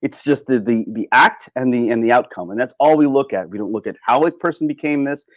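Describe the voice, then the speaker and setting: Here a male livestream host talks a little fast at medium pitch, recorded without echo. It's an informal, emphatic, opinionated monologue in which he repeats phrases for effect and swears occasionally.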